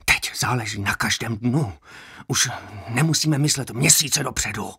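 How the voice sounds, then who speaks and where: A man voicing a starving, stubborn male prisoner who speaks urgently and in hushed tones. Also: medium pitch, gravelly, husky, dry recording, studio quality, voice pushed up, heavily acted.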